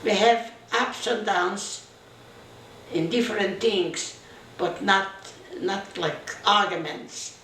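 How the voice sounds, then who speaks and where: In her Montreal home, a woman in her 90s from present-day Belarus recalls her life for an interviewer, speaking broken, halting English, repeating herself and quoting what her husband said. Her voice is medium in pitch with a fairly bright tone, picked up by a far-off camera mic in a roomy space with faint noise.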